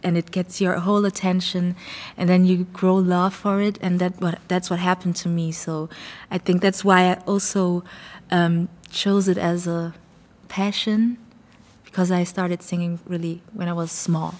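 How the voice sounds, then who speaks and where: A young woman talks in a low, level voice that barely rises or falls. She answers interview questions earnestly, pausing to find her words. The sound trails off in a long reverb. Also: little pitch movement, a little mellow. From Germany. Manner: earnest, thoughtful, searching for words. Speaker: singer and songwriter.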